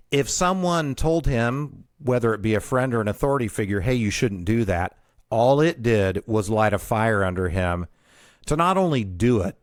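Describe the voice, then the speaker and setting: A male radio host telling a personal story in an animated way, breaking into laughter at his own story. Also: on the low side, dry recording, studio quality. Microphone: radio studio mic.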